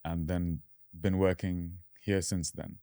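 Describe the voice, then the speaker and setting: A man in his thirties from Dubai, guesting on a podcast and explaining things at an easy, relaxed pace. His voice sits very low and sounds warm and mellow. The room is dry, with no echo. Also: slow, vocal fry. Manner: relaxed, explanatory, fillers and restarts. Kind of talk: casual interview.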